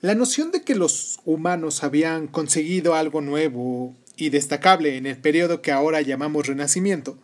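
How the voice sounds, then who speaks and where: A man with a slightly high-pitched voice hosts a history podcast. He reads narration and speaks informally to his listeners. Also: darkish tone. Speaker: podcast host. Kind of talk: history podcast, partly read narration with casual asides.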